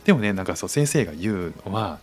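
A man's voice: low voice, sing-song, fast, soft background music. A man hosting a casual podcast monologue, talking with lots of fillers and restarts. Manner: hesitant, many fillers and restarts. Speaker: podcast host.

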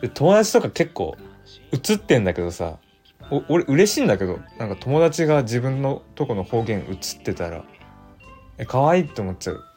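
Brisk and mid-range, the host's voice carries a Kansai Japanese accent as he runs a relaxed solo livestream with faint music playing. He's animated and chatty, reading listener messages aloud and musing with lots of fillers.

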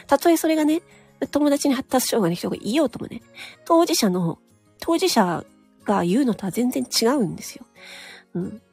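Over faint music, a woman with a high, sing-song, slightly rough and mellow voice talks at normal speed, with vocal fry and long pauses. It's a casual, frank solo monologue on her own audio channel, chatty and full of small nodding asides and tag particles.

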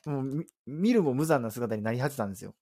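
A Kansai man with a slightly husky voice, chatting loosely on a podcast. He teases his co-hosts and his pitch moves in wide, lively swings. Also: no room sound. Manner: laughing, teasing. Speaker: podcast co-host. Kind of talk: casual banter.

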